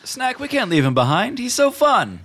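A man voicing an excitable, childlike genie in a squeaky, pleading falsetto for a tabletop game. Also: moderate pace, slightly rough, full character voice. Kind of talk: tabletop role-play.

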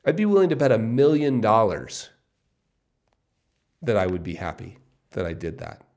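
Fifty-something guy doing his solo podcast, kinda low gravelly voice, all jazzed, thinks out loud and repeats stuff. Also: moderate pace. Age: 50s. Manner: excited, musing aloud, repeats himself. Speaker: podcast host. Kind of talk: casual solo podcast monologue.

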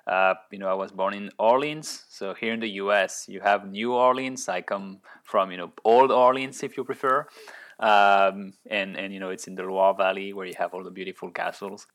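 A man's voice: low-pitched, steady tone, normal speed, a bit bright. A man in his thirties with a French accent, a company founder speaking as a guest in a casual interview, with frequent restarts and fillers. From France. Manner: hesitant, many restarts and fillers.

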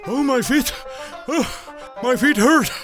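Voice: high voice, slow pace, a bit bright, soft background music. A performer voicing a weary, complaining male rat of royal blood who sighs a lot and tires easily. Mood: whiny. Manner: sighing, whiny, easily bored.

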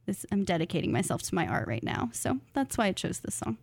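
With a lowish voice full of vocal fry, this woman talks fast and very animatedly, with no echo. She's in her thirties, a writer and creative nonfiction graduate student, chatting as a podcast guest in a casual, reflective, earnest, enthusiastic and informal manner.

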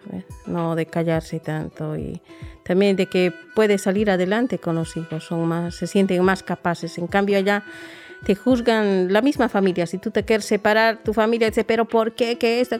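A woman, recalling her life in a soft, reflective, halting way. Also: medium pitch. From Bolivia. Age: 40s. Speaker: interviewee. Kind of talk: personal storytelling interview.

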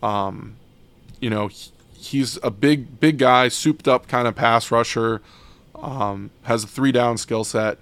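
A man's voice: medium pitch, slow. A man co-hosting a sports podcast, talking casually and loosely with many fillers and restarts. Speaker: podcast co-host.

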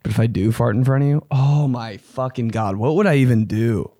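A man's voice: mid-range voice, brisk, mellow, no echo, studio quality. A man chatting casually and comically as a host giving advice, talking like a slangy, profane, blunt frat bro. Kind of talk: casual comedic chat.

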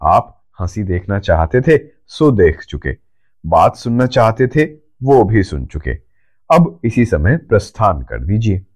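A man doing a gentle playful young woman. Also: lowish voice, sing-song, unhurried, husky, exaggerated voice. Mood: coaxing.

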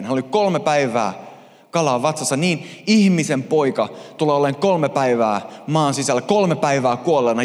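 A male pastor delivers a sermon with passion, dropping to near-whispers and then rising loudly. His voice sits on the high side and moves with lively, wide-ranging intonation. The sound rings with long reverb from a large hall. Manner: impassioned, swinging from hushed to loud.

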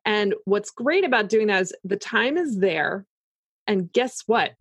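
A woman's voice: medium pitch, animated, a little slow, husky, dry recording, clean studio sound. A woman in casual, explanatory conversation, talking through examples as if voicing her own thoughts.

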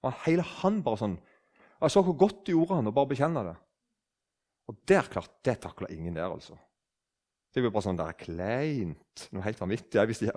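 A man in his sixties from southern Norway, telling a story in a conversational way, often restarting his sentences. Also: fairly low pitch. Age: 60s. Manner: animated, restarts sentences, acts out quoted speech. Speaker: speaker on faith.

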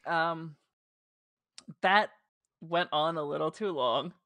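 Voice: mid-range voice, takes it slowly, pushed and bright, no echo. A podcast co-host with a New Jersey accent, chatting casually and retelling scenes with lots of "like" fillers. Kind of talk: casual chat recapping a show.

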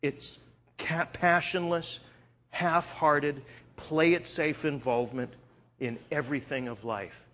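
Animated, bright-voiced male preacher. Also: a little high, slow pace. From Eastern Canada. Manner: animated storytelling with frequent restarts. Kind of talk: sermon.

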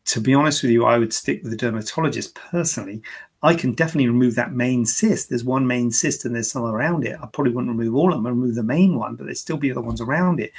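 This man speaks in a mid-range voice with a breathy edge. He is a plastic surgeon running a casual live-streamed question and answer session, joking and poking fun at himself while explaining medical advice simply.

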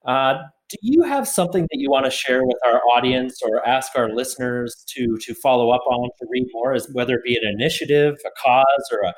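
A man hosting a podcast interview, summarizing the guest's points in a measured way before asking his questions. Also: mid-range voice, animated. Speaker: podcast host.

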